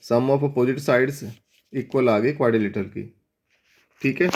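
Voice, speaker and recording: A man teaching a maths lesson in Hindi mixed with English, often checking in with students and slowing down to dictate statements. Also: medium pitch, darkish tone, a little hiss or hum. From India. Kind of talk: board lesson explaining geometry.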